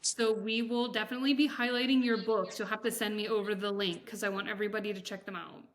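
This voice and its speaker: A woman's voice: medium pitch, steady tone, quick pace. A woman in her thirties hosting an interview podcast, friendly and encouraging with her guest. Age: 30s. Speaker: podcast host.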